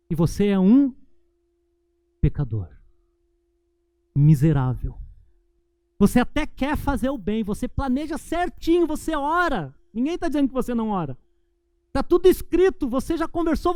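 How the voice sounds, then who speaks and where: A man with a Brazilian Portuguese accent, a pastor preaching a sermon and slowing down for emphatic points. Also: very high voice, big pitch swings, warm tone, no echo. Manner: preaching with emphatic, slowed climaxes.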